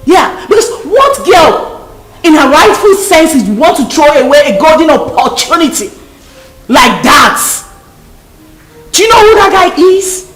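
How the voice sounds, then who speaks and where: An actress playing an angry, domineering Nigerian woman who scolds with sharp questions in a film drama. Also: fairly high pitch, sing-song, moderate pace, echoey room, faint music behind, rough recording. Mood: furious, scolding. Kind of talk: Nollywood film acting.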